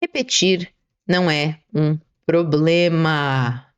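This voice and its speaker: A woman giving an online English lesson, didactic and slowing down to stress key words. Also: deep voice, smooth, no room sound, dull audio. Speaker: English teacher.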